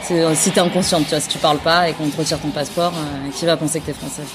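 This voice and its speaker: A woman's voice: deep voice, fairly even intonation, quick pace, background noise. A woman who was born in France, a podcast guest, talks casually and thoughtfully with many fillers and restarts. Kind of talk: casual conversation.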